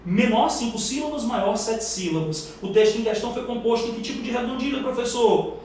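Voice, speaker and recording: Quizzing students emphatically and with slang, this Brazilian Portuguese-accented man leads a live exam-prep class. He speaks fairly quickly in an extremely high, slightly mellow voice, captured by a distant mic in an echoey room with faint noise.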